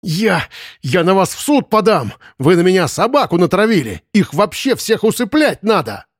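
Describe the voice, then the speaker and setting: A man voicing a greedy, arrogant young man who talks down to people and flares up fast, in an audiobook. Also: very animated, a little mellow, no room sound, clean studio sound. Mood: shouting. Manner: condescending, then shrill and indignant. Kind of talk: audiobook character voice.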